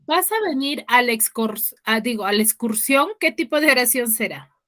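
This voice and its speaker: A woman's voice: on the high side, normal speed, sharp tone. A woman teacher giving an online class over a video call, explaining patiently and often checking in with her students.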